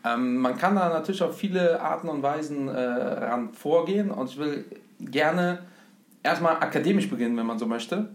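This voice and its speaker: A man's voice: on the high side, lively intonation, normal speed. A German man hosting a casual talk about investing, who explains step by step with many fillers. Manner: thoughtful, frequent fillers, lecturing tone. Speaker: host. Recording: echoey room.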